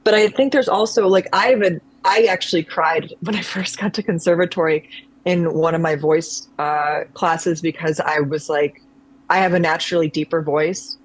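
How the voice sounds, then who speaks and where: The actress, conservatory-trained and joining a video call as a guest, talks at a normal speed in a low voice with a steady tone. Her reflective conversation meanders thoughtfully and keeps restarting. The recording sounds rough.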